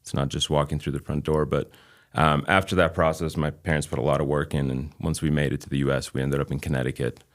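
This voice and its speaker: A guest chiropractor in his thirties, a native Albanian speaker from Kosovo with a light New England accent, talks in a casual interview chat. He's measured and reflective, pausing often, and his very deep voice has little pitch movement.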